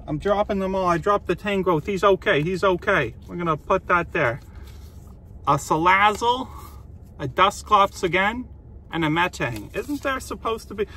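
A man's voice: sits high, lively intonation, normal speed, pushed and bright. A man casually chatting to viewers while opening card packs inside his car, easygoing and talkative. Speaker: vlogger. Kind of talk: casual pack-opening vlog.

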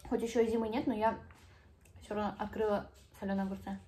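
A woman's voice: mid-range voice, level tone, fast talker, warm tone. A young woman talking casually as she eats and chews, like a mother hosting a family mealtime vlog at home. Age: young adult. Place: living room at home, indoors. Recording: home recording with clear background noise, clicks.

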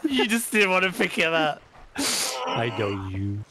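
A man's voice: a little high, wildly swooping pitch, unhurried, bright, forceful tone, slightly rough, poor audio. A man trading casual, teasing banter with friends as a fellow player in a game. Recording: faint background game noise.

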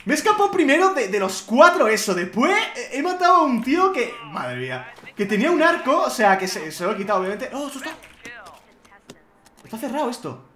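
Excitable gamer man with a Spanish accent. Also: extremely high pitch, brisk, roomy sound. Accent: Spain. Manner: excitable, shouts and swears at the game. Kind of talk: let's play commentary.

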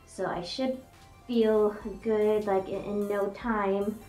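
Her voice is warm and medium in pitch, moving little as she speaks slowly, muffled by the fursuit head she's wearing. This young woman vlogs in a casual, bubbly way, restarting often and using many fillers, in a small echoey room with faint music.

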